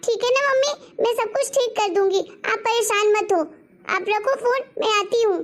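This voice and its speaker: A woman voicing a caring, protective adult daughter in an animated family story, firm and reassuring. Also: very high voice, moderate pace. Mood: concerned. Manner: reassuring, then scolding.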